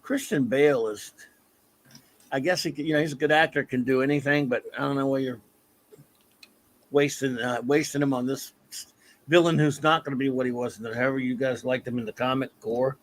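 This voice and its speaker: A man's voice: mid-range voice, steady tone, fairly quick, no echo. A man in a casual chat, blunt and opinionated, grumbling about comic films.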